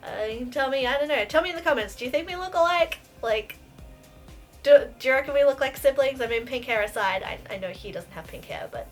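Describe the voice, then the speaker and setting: A bubbly Australian woman in her thirties with a bright, high voice chats her way through a casual question-and-answer vlog. She giggles often and sounds close to the camera, with soft music playing under her. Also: lively intonation, fast. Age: 30s. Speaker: vlogger. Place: bedroom full of plush toys, indoors.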